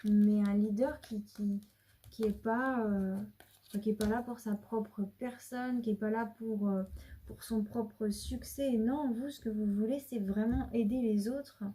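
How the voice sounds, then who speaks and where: A woman's voice: a little high, steady tone, a little slow, dark tone, slightly rough. A woman giving a casual, chatty card reading to her viewers, rambling with many restarts and sometimes dropping to a whisper. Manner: drops to a whisper at times. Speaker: card reader. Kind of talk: casual tarot reading to camera.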